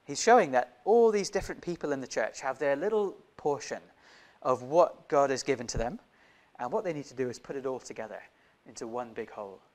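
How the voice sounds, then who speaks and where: A young man preaching a sermon in a church, who grew up in Indonesia, talking with lively gestures and asking many questions of the congregation. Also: medium pitch, fairly quick. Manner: animated, gestures broadly, many rhetorical questions. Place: church hall, indoors. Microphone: lapel mic.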